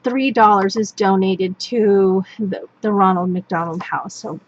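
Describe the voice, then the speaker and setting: This Northern Californian woman, losing her voice to hoarseness, walks through a product catalog in a rambling way, punctuated by ums and restarts. Her medium pitch is fairly even and her pace measured, while the audio sounds dull. An overhead camera on the wooden tabletop captures just her hands as she demonstrates craft products indoors.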